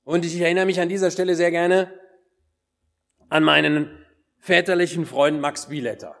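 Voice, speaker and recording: A man preaching a sermon, acting out quoted words and dropping at times into hushed whispers for solemn points. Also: fairly high pitch, normal speed, gravelly. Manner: animated, swings between emphatic calls and hushed whispers.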